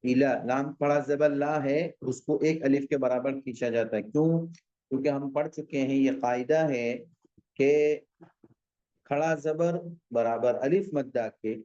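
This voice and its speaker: Man, Quran recitation teacher, slow unhurried delivery, mellow tone, dull lo-fi recording. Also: mid-range voice. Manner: models recitation by drawing out words, then explains; patient, corrects common mistakes repeatedly. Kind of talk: slow tajweed lesson.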